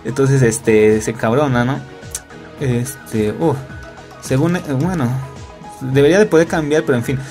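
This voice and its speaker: A man's voice: mid-range voice, measured pace, darkish tone, soft background music. A young man with a Mexican Spanish accent doing casual, joking gameplay commentary, padded with fillers and tag questions. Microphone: laptop recording.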